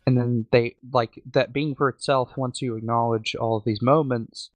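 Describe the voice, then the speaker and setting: A man's voice: medium pitch, fairly even intonation, moderate pace, no room sound. A man talking casually in a discussion group, tentative, hedging and rephrasing as he goes. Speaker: reading group participant.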